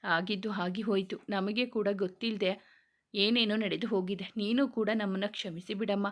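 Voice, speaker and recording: A woman's voice: mid-range voice, steady tone, normal speed, close to an everyday voice. A woman voicing a stern older father who heads the family, in a read-aloud story. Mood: regretful. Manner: firm, stern.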